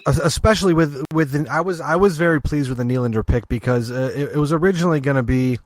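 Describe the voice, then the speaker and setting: A man's voice: a little high, fast, dry recording. A man co-hosting a sports podcast, chatting casually with many restarts and fillers. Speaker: podcast co-host.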